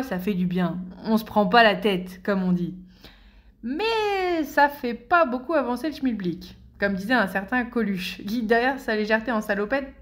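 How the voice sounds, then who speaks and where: A woman columnist with a fairly high voice delivers a humorous scripted column. She talks in a playful, chatty way and keeps slipping in comic asides, as if confiding in her listeners. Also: a bit bright.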